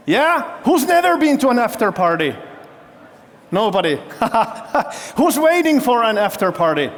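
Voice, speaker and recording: Male CEO, fairly high voice, keynote storytelling with audience questions, long hall echo. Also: a bit bright. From Finland. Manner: engaging, quizzes the audience with show-of-hands questions. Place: large festival hall stage.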